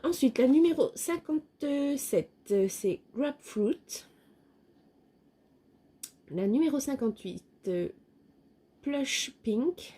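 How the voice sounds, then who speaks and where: A woman from France talks through a craft shopping haul in an unhurried, relaxed way, her voice soft and mellow rather than bright. She hesitates often with fillers and drops in little self-mocking asides, keeping the tone easygoing and chatty. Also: high voice. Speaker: craft vlogger showing a haul. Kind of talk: casual product review talk.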